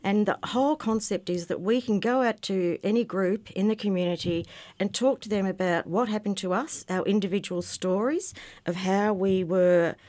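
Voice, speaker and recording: A woman's voice: mid-range voice, moderate pace, darkish tone, no room sound. A woman over fifty, speaking candidly as a guest on a community radio talk show. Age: 50s. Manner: candid, conversational. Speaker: guest, peer educator. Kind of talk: casual radio interview.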